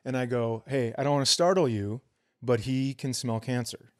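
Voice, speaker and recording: At a moderate pace and with fairly even intonation, a man with a medium-pitched voice co-hosts a comedy podcast. His storytelling is casual and blunt, laced with swearing, and he performs the conversations he recounts.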